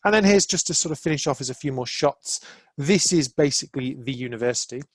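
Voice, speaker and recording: A man's voice: mid-range voice, animated, fast talker, dry recording. A man giving an enthusiastic promotional talk about a university in a webinar, speaking over slides with frequent "uh" and "um" fillers. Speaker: university representative. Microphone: video call microphone.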